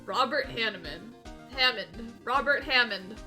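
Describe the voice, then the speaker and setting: A gruff, loyal police detective with a folksy way of calling everyone pal, voiced by a woman reading along with a game. The voice sits high and bright, with lively swings in pitch. Faint game music plays behind it. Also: unhurried, full character voice.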